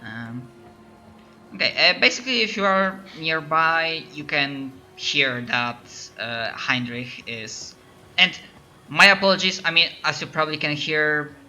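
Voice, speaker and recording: Narrating as a game master, this man from Poland keeps halting and starting his sentences over, his Polish accent clear. His voice is a little high, pushed and bright, at a measured pace, with a faint hiss or hum.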